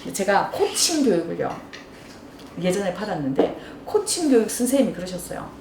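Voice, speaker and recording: Fast-talking woman lecturer, far off in a roomy hall. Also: medium pitch, very animated, very noisy. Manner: storytelling, asks the audience questions. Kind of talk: lively lecture with acted dialogue.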